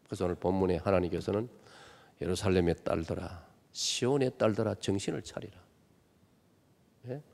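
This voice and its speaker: 경상도 억양의 남성 목사, 긴 교회 잔향. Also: male voice, deep voice, normal speed, gravelly, pauses often, a little mellow. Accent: Gyeongsang Korean. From Gimhae, South Korea. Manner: emphatic, rhetorical questions to the congregation. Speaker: guest pastor. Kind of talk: revival sermon. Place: church sanctuary. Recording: long church hall reverb.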